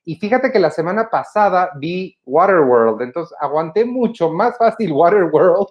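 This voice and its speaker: A podcast host speaking at a middle pitch, opinionated and casual as they run through the listener questions. The recording sounds dull and a little lo-fi. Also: lively intonation, moderate pace. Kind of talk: casual chat.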